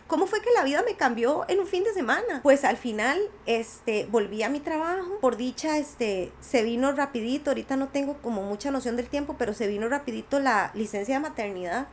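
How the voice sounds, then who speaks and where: A woman's voice: sits high, animated, brisk, slight background noise. A woman, a podcast guest and doctor, telling a personal story with feeling and acting out the voices of others. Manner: vivid retelling, acts out quoted voices.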